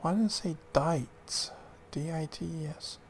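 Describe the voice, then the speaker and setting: A man hosts his own gaming channel, narrating a farming game in an unhurried, low-key way. His voice has a gravelly edge, and he often trails off into a near whisper. A faint hum of noise sits under the recording. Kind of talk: casual gameplay commentary.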